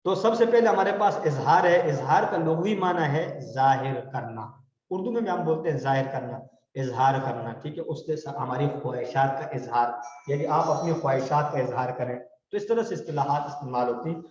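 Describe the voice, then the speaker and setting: Brief: male tajweed teacher, fairly high voice, patient call-and-response drilling, dull lo-fi hall recording. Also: darkish tone. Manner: explains slowly, drawing out example words for students to repeat. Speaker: Quran recitation teacher. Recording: echoey hall, dull lo-fi sound.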